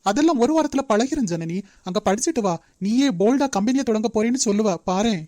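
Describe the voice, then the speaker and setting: A woman voicing a strict young male company manager in a cartoon, who talks in a brisk, lecturing way. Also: on the high side, expressive, warm tone, dry recording, studio quality, natural voice. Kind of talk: Tamil cartoon dub.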